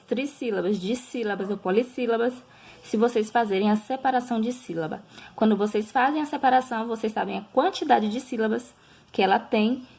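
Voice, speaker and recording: With a fairly high pitch and some vocal fry, this primary school teacher works through a review lesson recorded for children. She talks patiently and unhurriedly, lingering on example words and often making sure her listeners are following.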